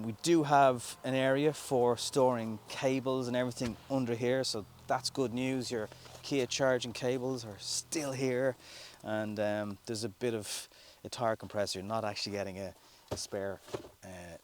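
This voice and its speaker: A man giving a relaxed, rambling car review with lots of fillers and restarts, first outdoors and then from inside a moving car. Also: mid-range voice, a little slow. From Ireland. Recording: noisy background.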